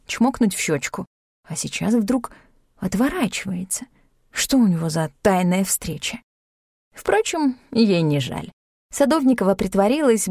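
A woman narrating an audiobook in a lively, expressive reading. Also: medium pitch, dry recording, clean studio sound. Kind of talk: scripted narration.

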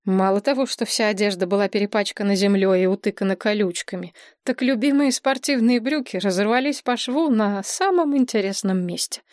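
A woman narrating an audiobook in an even, measured storytelling voice. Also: mid-range voice, no echo, studio quality.

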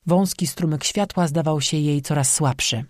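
Steady audiobook narrator, dry close sound. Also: mid-range voice, moderate pace, no room sound.

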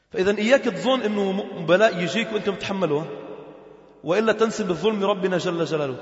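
Animated preacher in an echoey hall. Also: male voice, sits high. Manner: animated, shifts between formal Arabic and dialect, chants Quran verses. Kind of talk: sermon. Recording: roomy, echoey hall, dull lo-fi sound.

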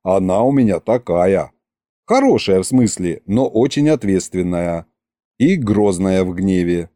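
A man narrating an audiobook in a wry, lively storytelling manner. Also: sits low, a little slow, no room sound, studio quality. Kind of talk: scripted narration.

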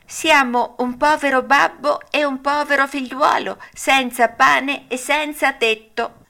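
A cheeky little wooden puppet boy with a high, bright voice, played by a woman reading a storybook. He scolds and mocks in a lively, sing-song way, and his words come out crisp and sharp. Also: takes it slowly, exaggerated voice. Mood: eager. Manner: scolding, mocking.

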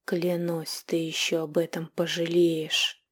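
A woman voicing a grieving, brooding male werewolf who talks in a hushed voice, often slow and whispered. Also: fairly low pitch, completely flat delivery, slightly rough. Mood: defiant.

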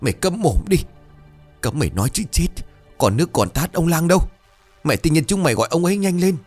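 A man's voice: on the low side, normal speed, soft background music, close to an everyday voice. A man voicing a distraught middle-aged wife of a rich village landlord, wailing and pleading shrilly. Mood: frantic.

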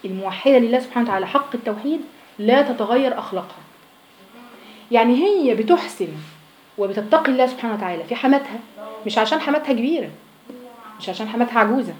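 A woman with an Egyptian Arabic accent gives a religious lesson to a group of women. Her voice is high and she talks fast and emphatically, putting questions to her listeners and pushing into loud exhortation. The room adds a clear echo. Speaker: religious teacher.

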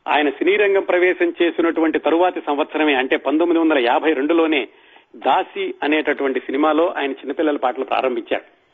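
Man, talk show host, husky, slightly high voice, recites lyrics then explains, tinny phone-like audio. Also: fairly quick.

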